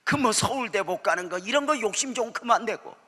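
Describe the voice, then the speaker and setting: A man's voice: sits high, lively intonation, brisk, bright, forceful tone. A male pastor preaching a sermon, telling stories with humor and acting out his church members' words. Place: church sanctuary. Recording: church hall reverb.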